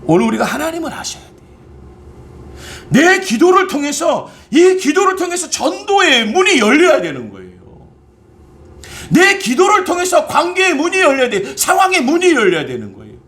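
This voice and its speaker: High-voiced, lively preaching pastor. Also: male voice, normal speed. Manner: emphatic, asks the congregation rhetorical questions; bursts into loud exclamations. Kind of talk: sermon.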